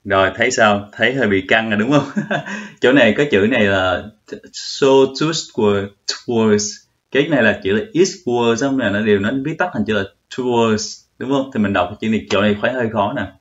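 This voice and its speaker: A man's voice: on the low side, brisk, fairly bright tone. A young man giving a casual pronunciation tutorial in a chatty way, repeating words as he tests himself. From Vietnam. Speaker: vlogger. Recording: dull lo-fi audio.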